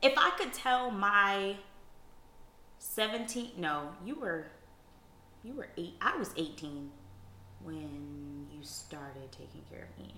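A woman co-hosting a candid couple chat, an animated storyteller who talks straight to her listeners. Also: lowish voice, slow pace, long pauses, reverberant, a little hiss or hum. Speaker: co-host.

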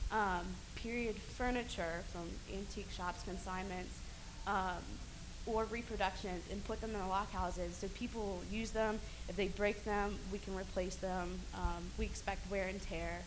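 A woman's voice: mid-range voice, steady tone, measured pace, noisy background. Chatty woman speaking up at a panel. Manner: conversational, with frequent fillers. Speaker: park service preservation worker. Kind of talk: panel discussion comment.

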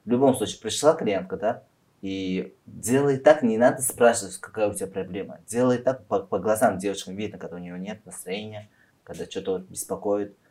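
Low-voiced man with an Uzbek accent. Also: brisk, darkish tone. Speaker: podcast guest, beauty industry professional. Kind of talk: conversational interview answers.

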